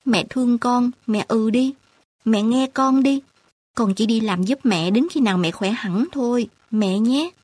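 An earnest young woman student pleads and insists, her husky voice pitched up and pushed louder, as a female narrator puts her on. She is determined and keeps pressing her point. The storybook reading is close and dry. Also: animated, moderate pace, no room sound. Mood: pleading.

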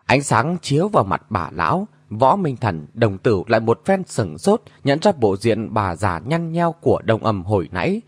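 A man narrating a martial-arts story in a dramatic, animated storytelling manner. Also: on the low side, moderate pace, few pauses, husky, no echo.

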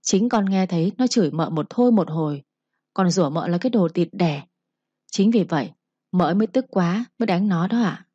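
A sly young servant girl answers deferentially, feigning innocence, played by a woman. The voice is husky and dry. The recording sounds dull and lo-fi. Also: on the low side, expressive, fairly quick, warm tone, dry recording.

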